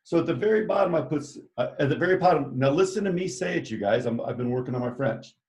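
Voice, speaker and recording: A man's voice: fairly high pitch, animated, fast talker, darkish tone. A man teaching a children's art lesson, talking chattily and enthusiastically as he walks them through each step. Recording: echoey room.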